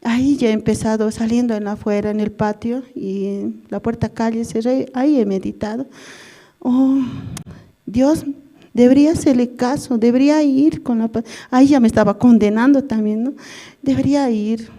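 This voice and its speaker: A woman's voice: on the high side, steady tone, normal speed, warm tone. A middle-aged woman giving a rambling personal testimony at a prayer service, ending nearly every phrase with a questioning tag. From Bolivia. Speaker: church member giving testimony.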